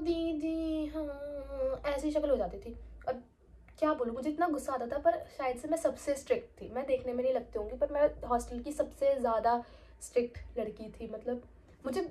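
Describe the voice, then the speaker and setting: A young woman chatting casually as a vlogger, telling an animated storytime tale. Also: high-pitched. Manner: animated, slips into quoted voices.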